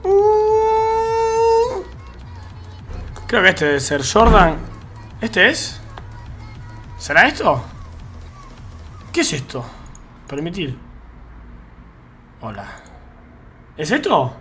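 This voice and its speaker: Brief: Argentine Rioplatense male streamer, slangy and chatty, bright voice, faint game music underneath. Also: extremely high pitch, wildly swooping pitch, drawn-out words, long pauses. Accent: Argentine Rioplatense Spanish. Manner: slangy, chatty, talks to chat while gaming. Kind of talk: casual live-stream chat.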